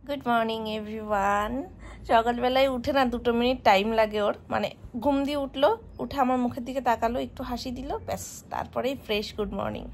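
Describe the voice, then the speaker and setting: A woman's voice: a little high, steady tone, brisk, a little hiss or hum. A young woman with a West Bengal Bengali accent, chatting casually to her viewers at home while coaxing her toddler. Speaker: vlogger and mother. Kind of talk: casual home vlog narration. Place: home, indoors and garden.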